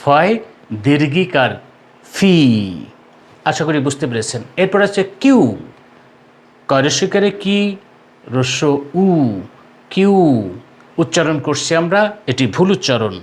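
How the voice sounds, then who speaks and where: A man with a Bangladeshi accent teaching an online class, slowly repeating each sound three times for the learners to copy. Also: a little high, lively intonation. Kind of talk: online lesson.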